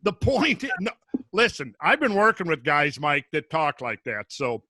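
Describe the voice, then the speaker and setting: A man's voice: fairly high pitch, big pitch swings, normal speed, bright, forceful tone, no room sound. A man with a Minnesota accent chatting casually on a podcast, jokey and self-mocking. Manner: jokey, playful self-mockery. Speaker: podcast regular.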